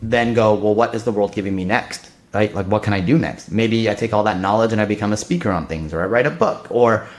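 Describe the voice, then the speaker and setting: A man in his thirties, a podcast guest, talking casually in a loose, restless way full of fillers and restarts. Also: fairly low pitch. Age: 30s. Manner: fast, loose, filler-heavy talk with many restarts. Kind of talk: casual conversation.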